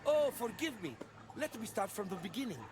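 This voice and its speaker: An actor playing an eager male imperial botanist in a video game, with an effusive, bright manner. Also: sits high, sing-song, brisk. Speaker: game character. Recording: game audio under a stream, noisy.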